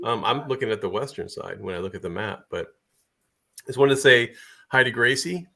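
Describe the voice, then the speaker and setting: A man's voice: mid-range voice, lively intonation, normal speed, vocal fry, sharp tone. A man hosting a casual livestream chat, talking easily and laughing often. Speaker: livestream host.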